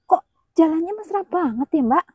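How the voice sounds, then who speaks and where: A woman playing a gossipy, insinuating village companion in a domestic melodrama, with a husky voice. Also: very high-pitched, animated, normal speed, mellow, dry recording. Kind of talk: Indonesian domestic melodrama acting.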